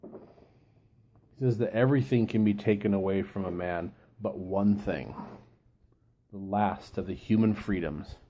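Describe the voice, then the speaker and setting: A man giving a reflective solo talk, explaining and quoting in a deliberate, halting way with pauses mid-phrase. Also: on the low side, mellow, a little hiss or hum. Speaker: book reviewer giving an informal chat.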